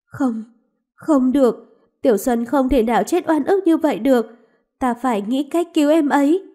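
A woman's voice: high-pitched, normal speed, warm tone. A woman voicing a proud young princess who speaks with passion and pleading. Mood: anguished. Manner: impassioned, pleading.

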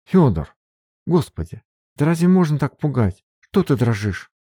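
A man's voice: sing-song, moderate pace, warm tone, breathy edge, no room sound, studio quality. A man reading an audiobook, voicing a tender but scolding young woman by raising his voice. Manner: voice raised to a higher register for the woman.

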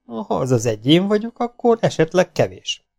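A man's voice: sits high, sing-song, creaky, a little mellow, pitched above the performer's own voice, full character voice. A man voicing a cocky, self-assured outlaw gunslinger who taunts his opponents. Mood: mocking. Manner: mocking, self-assured and teasing.

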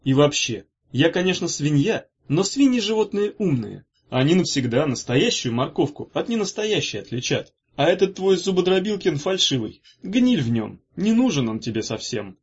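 Man reading cheerful teasing brother, easygoing, lively, slightly husky, lo-fi. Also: on the high side, moderate pace, hardly any pauses, exaggerated voice. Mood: amused. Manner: easygoing, playful. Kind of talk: audiobook character voice. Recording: dull lo-fi recording.

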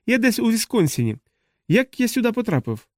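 A man doing excited yelling young cousins. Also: very high-pitched, fairly quick, dry recording, studio quality, voice pushed up. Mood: alarmed. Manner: shouting, excited. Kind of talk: audiobook character voice.

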